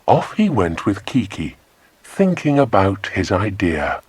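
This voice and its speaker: With a lowish, husky voice and a measured pace, a man brings a children's adventure audiobook to life expressively. The recording is dry and close on a studio microphone.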